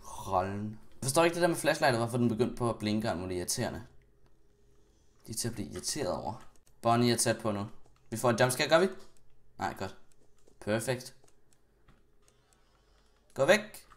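A man's voice: on the low side, big pitch swings, long pauses. A man giving Let's Play commentary on a horror game, jumpy, yelping when startled and talking straight to his viewers. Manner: jumpy, yelps in fright, talks straight to viewers. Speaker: gamer.

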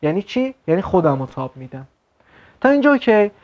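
A man teaching an online language lesson, explaining words slowly and checking in with quick questions. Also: high-pitched, sing-song. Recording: slightly dull lo-fi sound.

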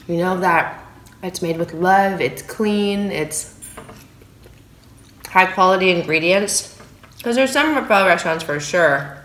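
A food vlogger in her thirties from San Francisco, USA, chats casually between bites at her dining table in a small room at home. Her fairly low voice sounds echoey, recorded on a phone camera set on the table, and her manner is relaxed and chatty.

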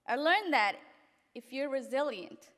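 A young woman from Africa reading a graduation speech at a podium in an event hall, earnest and halting at times. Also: high-pitched, lively intonation, a bit bright. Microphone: podium microphone. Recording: reverberant hall.

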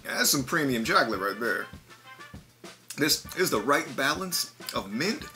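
A man talks while chewing, his bright voice swinging widely in pitch. He chats casually and candidly, with playful asides. Soft music plays faintly behind him. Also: very animated, measured pace. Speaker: vlogger. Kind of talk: casual taste-test vlog.

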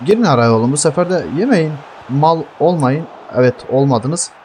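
A young man giving heated live gameplay commentary, swearing constantly and yelling at his teammates. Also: on the high side, animated, normal speed, a little hiss or hum. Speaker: gaming streamer.

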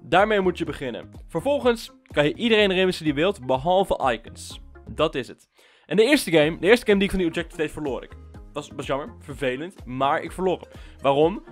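A chatty man with a slightly raised pitch gives loose, rambling commentary over his gameplay. He rants freely and fills his pauses with "eh". Faint music plays behind him. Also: expressive. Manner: chatty, ranting, many fillers. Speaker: gaming YouTuber.

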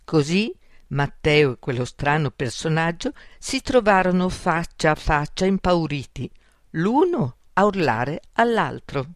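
Woman narrator for a kids' fairy tale audiobook; slow, careful, dry studio. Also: low-pitched, big pitch swings, no room sound.

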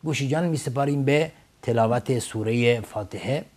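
A man teaching Quranic recitation on a television lesson, speaking in a measured, formal way with frequent hesitation fillers. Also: mid-range voice, a little mellow. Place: TV studio.

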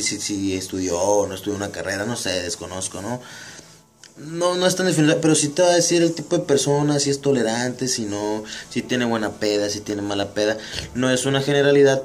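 A man's voice: medium pitch, a little fast. A man with a Mexican Spanish accent in a casual, rambling monologue full of slang and joking asides.

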